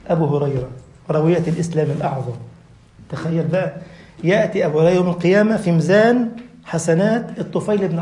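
A man with an Egyptian accent preaching a mosque sermon, impassioned and rising to near shouting at his peaks. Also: a little high, echoey room. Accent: Egyptian Arabic. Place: mosque hall.

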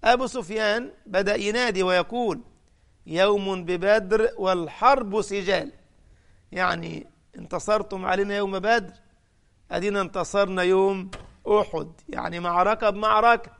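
A man preaching a sermon in an Egyptian Arabic accent, his voice sitting high for a man. He tells the story dramatically, raising his voice for the cries he quotes and landing hard on key points. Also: steady tone, a little fast, creaky, a bit bright.

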